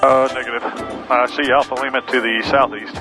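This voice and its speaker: A middle-aged man flying a small plane and talking calmly over his cockpit headset intercom, explaining each step to his son as he goes through checklists. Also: mid-range voice, a little fast, over music. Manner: calm, instructive, talking through checklists aloud. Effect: pilot speaking over a cockpit headset intercom. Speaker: pilot teaching his son. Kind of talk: casual flying vlog narration. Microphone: aviation headset.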